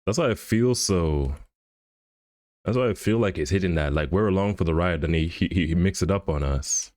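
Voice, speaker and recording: A man's voice: deep voice, normal speed, a little mellow, no room sound, studio quality. A man streaming live, thinking aloud and muttering to himself as he edits an animation in a casual, laid-back way. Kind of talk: casual livestream commentary while animating.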